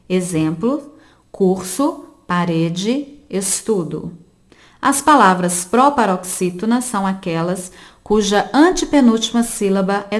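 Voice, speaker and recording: A woman reading a grammar lesson aloud for an audiobook, slowly and carefully, spelling out each example word by word. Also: mid-range voice. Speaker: volunteer reader of an audiobook lesson.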